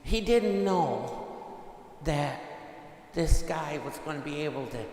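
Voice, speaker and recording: Slow-talking priest in an echoing church. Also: male voice, on the high side, animated, vocal fry, a little mellow. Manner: conversational storytelling, many "you know" fillers. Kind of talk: homily. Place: large church. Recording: echoey church with long reverb.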